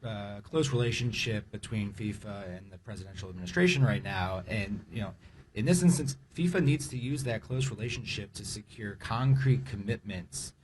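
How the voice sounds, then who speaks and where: A man's voice: lowish voice, normal speed, darkish tone, a little hiss or hum. A man speaking at a press conference, emphatic and repeating phrases to drive his point home.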